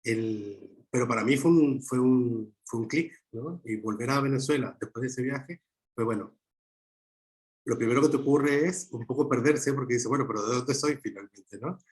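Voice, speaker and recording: Man, middle-aged, interview guest, halting, reflective, mid-pitched voice. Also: darkish tone. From Chile. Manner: halting, many restarts and fillers. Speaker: guest filmmaker.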